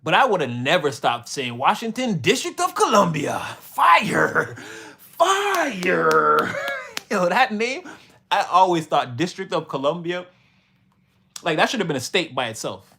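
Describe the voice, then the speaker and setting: A man's voice: high voice, very animated, a little slow, pushed and bright, husky. A man from Montreal, Canada, hosting a casual livestream, rambling in a slangy way and laughing often as he answers his chat.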